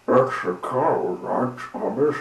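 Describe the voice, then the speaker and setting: A man voicing an excitable, indignant locomotive fireman in a storybook reading. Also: medium pitch, takes it slowly. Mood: urgent. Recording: roomy with faint hiss.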